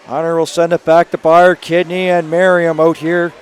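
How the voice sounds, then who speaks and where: Hoarse and raspy after days of calling games, a male play-by-play announcer with a voice on the high side calls a live hockey game from an arena booth. He talks quickly and rises to excited calls on scoring chances.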